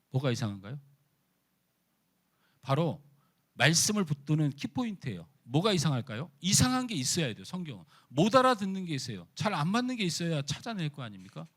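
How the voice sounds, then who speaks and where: A man preaching from the pulpit, his voice a little higher than most men's. His pitch swings widely as he moves through the sermon. He keeps firing questions at the congregation and teasing them. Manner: lively, animated preaching. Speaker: pastor. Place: church.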